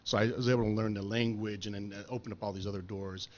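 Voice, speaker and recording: A man's voice: fairly low pitch, steady tone, fast, a little mellow, muffled recording. A middle-aged man telling stories in a casual podcast chat, laid-back and profane, with lots of fillers. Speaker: podcast interviewee.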